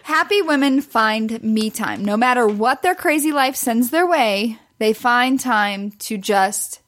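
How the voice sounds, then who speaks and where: A woman's voice: on the high side, expressive, slow, fairly bright tone. A woman co-hosting a podcast, handing out advice in a teasing, chatty way and laughing a lot. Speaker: podcast co-host. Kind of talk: casual podcast chat, giving dating advice.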